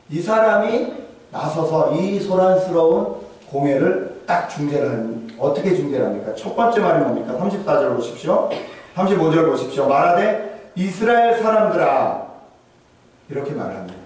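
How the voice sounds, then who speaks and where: A man preaching a sermon as pastor, lively with humor and rhetorical questions, in a church sanctuary. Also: a little high. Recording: very echoey hall from far off.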